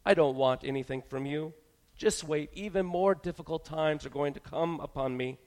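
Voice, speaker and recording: A man's voice: a little high, normal speed, a little mellow, lightly acted. A man preaching, voicing the Christ child with solemn, emphatic repetition. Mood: gentle. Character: the Christ child speaking, calm and commanding.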